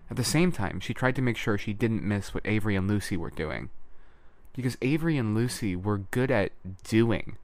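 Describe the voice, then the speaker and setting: Brief: male narrator, lowish voice, measured reading for a fan audiobook. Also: no echo. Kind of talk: scripted narration.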